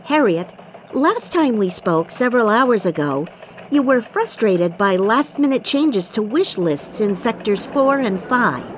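A woman playing a chipper female elf news reporter who delivers a mock radio news report in a bright, bouncy newsreader manner. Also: fairly high pitch, sing-song, unhurried, slight background noise, rough recording. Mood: perky. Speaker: news anchor.

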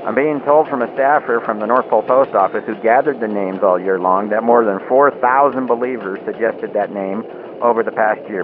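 A man plays an earnest Christmas elf reporting live in a lowish voice. His measured, explanatory delivery comes over a thin phone-like radio link with heavy noise. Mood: informative. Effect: radio link filter.

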